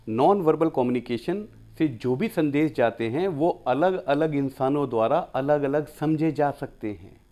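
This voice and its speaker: A man's voice: medium pitch, a little mellow. Man teaching a lecture, step by step. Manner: explains step by step, acts out example phrases. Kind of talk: classroom lecture.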